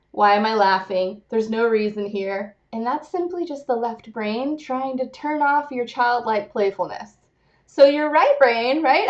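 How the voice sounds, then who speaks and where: A young woman teaching laughter yoga in a playful, upbeat way, breaking into loud rhythmic ho-ho-ha-ha chants between her explanations, recorded at home on a computer mic. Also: high voice, highs cut off. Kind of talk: guided laughter exercise lesson.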